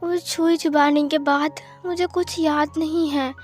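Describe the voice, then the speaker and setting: A woman's voice: very high voice, steady tone, a little slow, soft background music, voice pushed up. A woman voicing a stammering, frightened young man. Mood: shaken, tearful. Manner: stammering, pleading, breaks off mid-word. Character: frightened, tearful young man clinging to his lover. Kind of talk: fan-fiction story reading.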